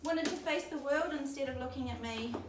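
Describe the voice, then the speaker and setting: A woman's voice: high-pitched, fairly quick. A young woman with a New Zealand accent, casually demonstrating a product and chatting with frequent ums. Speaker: store presenter demonstrating a stroller. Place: baby store. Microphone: camera mic at a distance. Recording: roomy, distant, loud background noise.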